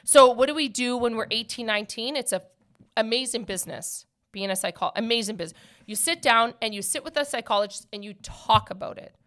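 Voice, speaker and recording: Emphatic woman in her forties, bright voice. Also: on the high side. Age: 40s. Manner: emphatic, repeats points, ends lines with "right?". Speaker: podcast host. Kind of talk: casual motivational chat.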